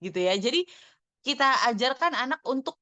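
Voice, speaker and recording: A woman in her thirties speaking in a parenting sharing class, explaining calmly and acting out conversations between a mother and her child. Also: sits high, moderate pace, dry recording. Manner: warm explanatory, acts out mother and child dialogue. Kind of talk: answering a question in an online sharing class.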